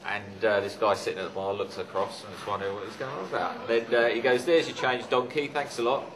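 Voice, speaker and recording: A man telling a joke slowly and hesitantly, with uhs. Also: on the low side, fairly even intonation, a crowd in the background. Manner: slow, hesitant.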